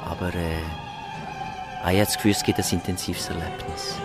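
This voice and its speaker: Low, hesitant Swiss German musician. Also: male voice, fairly even intonation, moderate pace, over loud music. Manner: thoughtful, hesitant, many fillers and restarts. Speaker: arranger and saxophonist. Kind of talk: radio interview.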